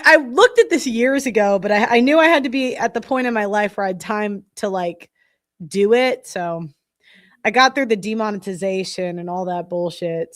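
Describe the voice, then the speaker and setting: Breathing heavily, a young podcast host with a nasal, medium-pitched, fairly bright voice rambles to viewers. She's casual and blunt, leaning on plenty of fillers.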